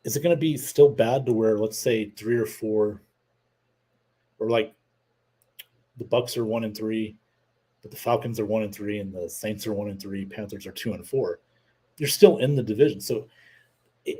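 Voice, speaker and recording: Opinionated man with a husky, mellow voice. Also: mid-range voice. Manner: opinionated, rambling with fillers, reads chat comments aloud. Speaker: host. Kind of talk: casual livestream sports talk.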